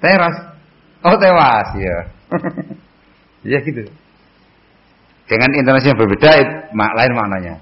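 A man teaching a hadith book in a mosque, chatting with his audience and quizzing them, and chanting the Arabic passages louder. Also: mid-range voice, animated, a little slow, long pauses, muffled recording. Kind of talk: mosque study lecture.

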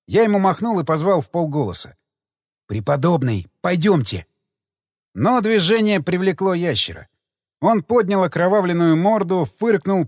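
A man's voice: fairly high pitch, dry recording, clean studio sound. A man narrating an adventure audiobook in the first person, reading dramatically and voicing the dialogue.

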